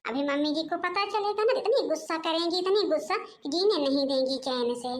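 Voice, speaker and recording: A woman's voice: very high voice, expressive, brisk. Woman voicing a timid young daughter-in-law. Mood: worried. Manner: timid, apologetic. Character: meek young daughter-in-law, fearful, overworked.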